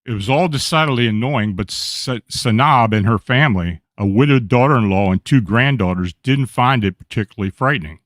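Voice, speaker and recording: Male radio host reading strange tales aloud, even storytelling delivery, dead-dry mic. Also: mid-range voice, a little fast, few pauses, no echo. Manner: steady reading with small slips and self-corrections. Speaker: radio show host reading paranormal accounts.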